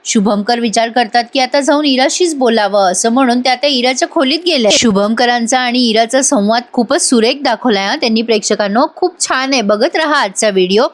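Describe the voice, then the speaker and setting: High-voiced woman, chatty voice-over recap, speaks straight to viewers. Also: brisk, hardly any pauses. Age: adult parent. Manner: chatty, addresses viewers directly. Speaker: online serial reviewer.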